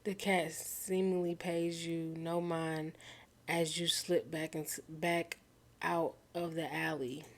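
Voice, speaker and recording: A woman's voice: sits low, little pitch movement, slow. A woman streamer playing a game, reading its text aloud and reacting in a casual, slangy, incredulous way. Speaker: gaming streamer.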